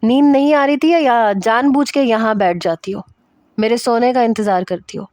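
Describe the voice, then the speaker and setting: A woman's voice: fairly high pitch, darkish tone, no echo, lightly acted. A stern young husband who talks down and taunts, his words clipped and curt, read out by a woman narrating the story. The reading is close and dry, with no room around it.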